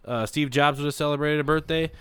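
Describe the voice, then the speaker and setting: A man's voice: a little high, fairly even intonation, fast, clear, resonant tone, no room sound. A male podcast host in casual chat, joking and reading off a list with running asides. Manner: jokey, reading off a list with asides and loud laughs.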